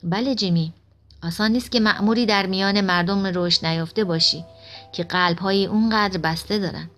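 A calm, wise female guide, as a woman reading the story voices her, gentle and reassuring, at a plain middle pitch. She explains things patiently, in a storybook reading. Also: soft background music, lightly acted. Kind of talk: audiobook reading.

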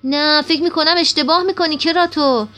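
Young eager boy in a storybook reading, woman doing the voice, raised pitch, questioning. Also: pushed and bright. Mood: earnest. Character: boy narrator-hero, young and curious.

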